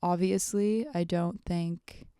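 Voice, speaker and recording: Creaky-voiced hungover young woman. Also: lowish voice, fairly even intonation, warm tone, no room sound, clean studio sound. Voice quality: creaky vocal fry. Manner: halting, rambling with frequent trailing off. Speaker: podcast host. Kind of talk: casual solo chat.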